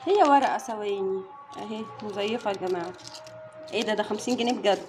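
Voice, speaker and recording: A vlogger mother with an Egyptian accent chats to viewers at home while unboxing snacks, addressing them directly in a casual, chatty way. Her medium-pitched voice moves at a quick pace against a noisy background.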